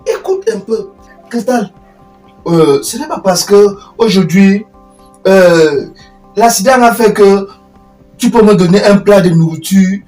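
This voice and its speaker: A demanding, freeloading older brother who calls himself the head of the family, played by a man. He whines and protests, swinging from loud to mumbling, in a comedy sketch. His voice sounds roomy and set back from the mic, with faint music behind. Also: sits high, animated, a little slow, pauses often, distant mic. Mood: indignant. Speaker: comic actor.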